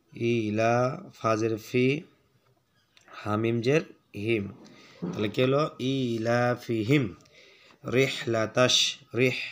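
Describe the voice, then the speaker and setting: A man guides a handwriting lesson in an unhurried, measured way. His voice sits at a middle pitch. He names each letter and mark as he writes, then drags out the whole word syllable by syllable. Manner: names letters while writing, slows to chant words. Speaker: Arabic handwriting teacher. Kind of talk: step-by-step writing lesson.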